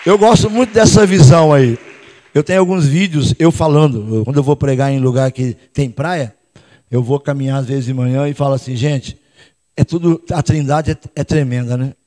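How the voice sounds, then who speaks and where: This Brazilian-accented man, mid-range in voice and speaking at normal speed, delivers a lively sermon in a church hall. He prompts the congregation to answer, alternating shouts with soft asides amid long reverb.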